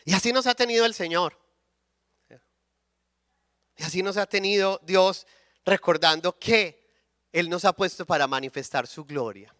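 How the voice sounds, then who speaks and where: A man's voice: high voice, measured pace, pauses often, fairly bright tone, dry recording, clean studio sound. A man preaching at a conference, telling a personal testimony and acting out the dialogue as he goes. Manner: storytelling, acts out dialogue, checks in with "¿sí?". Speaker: conference speaker.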